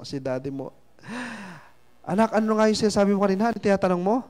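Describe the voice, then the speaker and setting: A man's voice: sits high, lively intonation, fast talker, darkish tone. A man voicing a tired, stressed father talking to his child, weary and short-tempered. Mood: apologetic. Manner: weary, then snapping.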